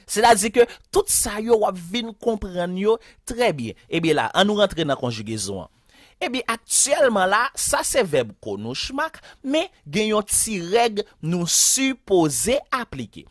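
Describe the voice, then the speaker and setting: A man with a Haitian accent teaching a language lesson online. He explains each rule slowly and repeats it step by step. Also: high voice, very animated, no echo, clean studio sound. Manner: slow, repetitive, spells out each rule.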